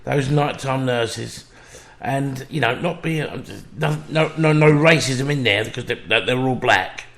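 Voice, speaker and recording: A man's voice: medium pitch, a little slow, vocal fry, fairly bright tone. A man telling a crude, sweary story in a casual chat.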